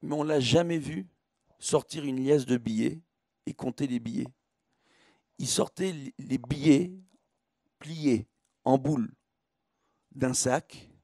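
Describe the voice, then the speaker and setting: A rabbi lectures on religion in a warm, mid-range voice, speaking slowly and pausing often. The studio-quality recording is dry. He makes his points emphatically through repetition, rhetorical questions and everyday analogies.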